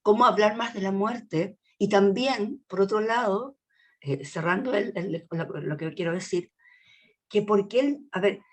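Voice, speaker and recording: A woman's voice: medium pitch, measured pace, breathy edge. Frank, colloquial Chilean woman. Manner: colloquial, frank, with many restarts. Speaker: colloquium participant. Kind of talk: casual group discussion.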